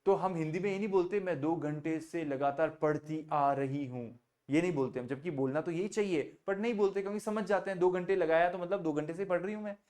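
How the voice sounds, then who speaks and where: A man's voice: high voice, fast, few pauses, darkish tone. A man teaching spoken English on a video call, patiently repeating examples and mixing Hindi with English. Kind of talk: online spoken English lesson.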